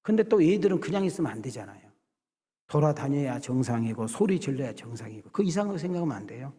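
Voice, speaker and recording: A middle-aged male pastor preaching a conversational, joking sermon to his congregation, acting out scenes with shouted voices. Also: mid-range voice, big pitch swings, quick pace. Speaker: senior pastor. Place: church sanctuary. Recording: long hall reverb in a church sanctuary.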